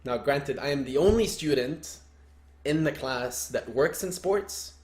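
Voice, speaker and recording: A young man from Lebanon co-hosting a soccer coaching podcast, relaxed and dry-humored. His voice sits at a middle pitch, and he is recorded in a roomy, echoey space. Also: unhurried. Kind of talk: casual podcast chat.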